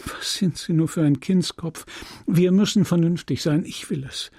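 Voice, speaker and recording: A man reading the part of a wistful, restrained married woman who speaks quietly and gently refuses. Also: a little high, fairly even intonation, normal speed, breathy edge, no room sound, studio quality. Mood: gently refusing.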